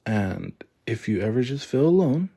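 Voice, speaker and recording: Gravelly, husky, and dark in tone, this young podcast host's mid-range voice has a sing-song quality at a moderate pace. Talking alone and from the heart, he rambles earnestly, using fillers and repeating himself.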